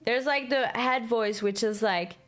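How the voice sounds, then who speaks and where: A woman chats with her stream viewers in a lively, rambling way and laughs often. Her voice sits fairly high, and she takes her time, with her words coming out slowly. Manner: speaks in a lively way. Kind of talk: casual chat with viewers.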